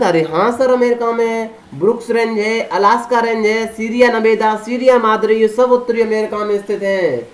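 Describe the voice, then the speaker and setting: A man's voice: sits high, reverberant. A man teaching current affairs for competitive exams over a map. He asks and answers his own imagined students' questions and calls his listeners dear friends. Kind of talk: exam-prep lecture over a zoomed map.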